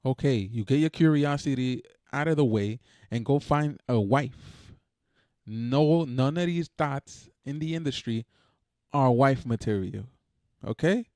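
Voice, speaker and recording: A man's voice: mid-range voice, a little slow, dark tone, dry recording, studio quality. A man hosting a reaction video, talking in a blunt, profane, exasperated casual rant.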